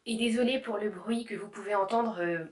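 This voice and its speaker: A woman's voice: medium pitch, brisk. A woman in her thirties talking casually at home about her haircare routine, often laughing and saying "euh", with her children sometimes heard playing. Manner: chatty, laughs often, many fillers. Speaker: beauty vlogger. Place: home room. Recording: echoey room. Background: children playing in the background.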